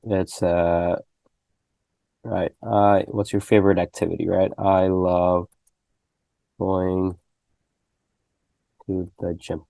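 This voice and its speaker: Young male tutor, dark gravelly tone, laid-back conversational delivery. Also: low voice, flat delivery, slow pace, long pauses, dry recording. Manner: loose and conversational, full of "okay?" and "right?" checks. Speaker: programming tutor. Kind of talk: casual screen-recorded coding lesson.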